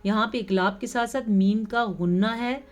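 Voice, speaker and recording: A woman with a Pakistani Urdu accent teaching tajweed, patiently explaining each rule step by step and slowly drawing out the recited words. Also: fairly high pitch, faint music behind.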